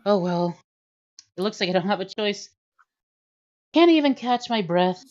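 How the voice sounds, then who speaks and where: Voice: mid-range voice, animated, measured pace, darkish tone, voice pushed up, lightly acted. A game master voicing a busy woman leader who talks politely and hurriedly, with stumbling restarts. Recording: dull lo-fi sound.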